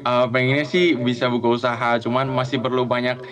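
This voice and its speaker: A man's voice: medium pitch, steady tone, brisk, a bit bright. A young man from Central Java talking as a guest on a remote call, friendly and a little hesitant, with many fillers. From Central Java, Indonesia. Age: young adult. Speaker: guest, student abroad. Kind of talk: casual chat over a video call.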